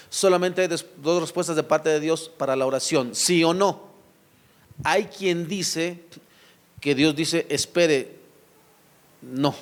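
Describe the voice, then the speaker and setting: A man preaching a sermon to his church, firing rhetorical questions at the congregation and addressing them directly. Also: fairly high pitch. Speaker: pastor.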